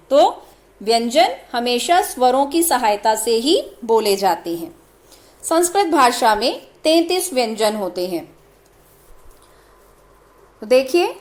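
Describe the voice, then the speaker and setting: Female teacher, high voice, unhurried and careful, walks through each letter in turn. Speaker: Sanskrit teacher. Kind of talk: slow step-by-step grammar lesson.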